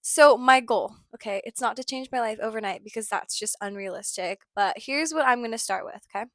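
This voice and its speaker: A young woman hosting a personal podcast, reflecting in a halting, tired way with many filler words and apologies. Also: a little high, fairly bright tone, no echo, studio quality. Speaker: podcast host.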